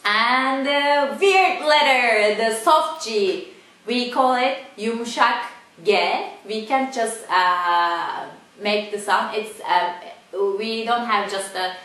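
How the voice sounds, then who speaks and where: A woman with a Turkish accent, a native Turkish speaker, teaching pronunciation slowly, repeating each word with many fillers. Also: fairly high pitch, a bit bright. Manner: slow, repeats words, frequent fillers. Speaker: language teacher. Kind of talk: casual pronunciation lesson. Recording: echoey room.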